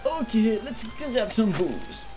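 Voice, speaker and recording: Taking it slowly, this woman provides comedic commentary on her video game as a YouTuber, goofily and theatrically addressing her tools like longtime pals. Her voice is a little high and very animated, heard over music on a rough recording.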